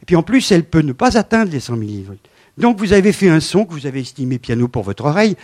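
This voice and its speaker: Man, 70s, animated lecturer with slides; bursts of emphasis and murmured asides, slightly high-pitched. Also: fast. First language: French. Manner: animated, swings from loud emphasis to quiet asides.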